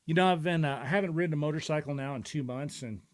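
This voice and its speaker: A man's voice: on the high side, fast talker. Rambling middle-aged man host. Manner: rambling, reflective, many fillers and restarts. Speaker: show host. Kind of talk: casual live-stream chat.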